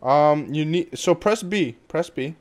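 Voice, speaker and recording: A man's voice: a little high, animated, a little slow, dry recording. A man hosting a casual multiplayer game session, talking his friends through the controls with lots of "um". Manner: guides the others through the controls, often with "um". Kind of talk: casual gaming chat.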